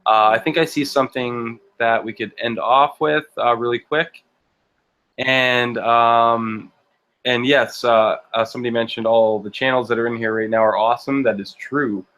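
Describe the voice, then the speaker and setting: A man's voice: mid-range voice, fairly even intonation, moderate pace, a bit bright. A man hosting a livestream interview, talking hesitantly with many ums and uhs as he wraps up questions. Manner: hesitant, filler-heavy. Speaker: host.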